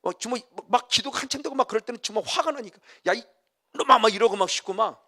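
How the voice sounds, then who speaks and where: A man's voice: high-pitched, racing, bright, forceful tone. A middle-aged man preaching a sermon as a pastor, vividly acting out scenes and reading scripture aloud.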